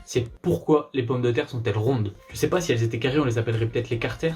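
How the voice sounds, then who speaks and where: A man's voice: medium pitch, fast, a little mellow, soft background music. A young man from northern France with a mild northern French accent, answering viewer questions in a chatty, slangy, laid-back way. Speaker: YouTuber. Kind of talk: casual Q&A vlog.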